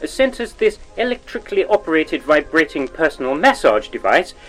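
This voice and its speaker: A man's voice: a little high, sing-song, moderate pace, a bit bright, faint music behind, rough recording. Plummy old-timey radio guy, pompous and a bit sleazy, voice swoops all over the place. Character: pompous lecherous old-fashioned male radio presenter. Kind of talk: 1940s radio acting.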